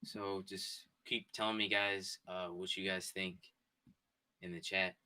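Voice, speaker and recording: A sports streamer in his twenties chats casually with his live viewers from his home setup, using a desk mic and headphones. Excitable and repetitive, he addresses the chat directly in a deep, unhurried voice.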